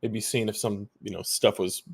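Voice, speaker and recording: A man's voice: fairly low pitch, fairly even intonation, moderate pace, creaky, slightly rough. Casual man playing a tabletop game. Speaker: player. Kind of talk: tabletop game role-play.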